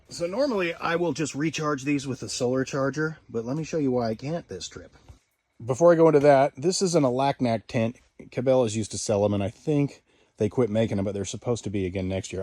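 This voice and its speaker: A man chats in an upbeat, easygoing way as he tours his winter camp, pointing out his gear as he goes. His voice sits at an ordinary middle pitch. It sounds like a casual outdoor vlog recorded on a camera mic. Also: a little mellow. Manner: upbeat, chatty, shows things as he talks. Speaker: vlogger. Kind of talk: casual camping tour vlog. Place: wall tent and snowy camp outdoors in the cold.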